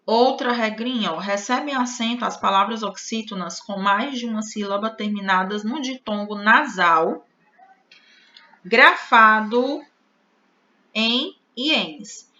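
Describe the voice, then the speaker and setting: Brazilian woman, online grammar teacher, bright tone, conversational asides, somewhat muffled recording. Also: mid-range voice, takes it slowly. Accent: Brazilian Portuguese. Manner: explanatory, addresses viewers as "gente", frequent "né?" and "ó". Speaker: Portuguese teacher. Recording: slightly dull lo-fi audio.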